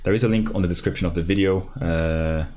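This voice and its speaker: Speaking quickly in a low, darkish, steady voice, a Brazilian man whose native language is Portuguese hosts a relaxed live coding stream. He thinks aloud step by step with many fillers and restarts, and keyboard typing can be heard.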